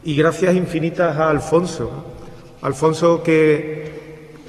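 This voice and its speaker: A man speaks slightly high, giving an earnest, halting speech at a book presentation and restarting phrases as he goes. His voice carries through a PA into a long-reverb cultural centre hall. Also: steady tone. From Seville, Spain. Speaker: book author.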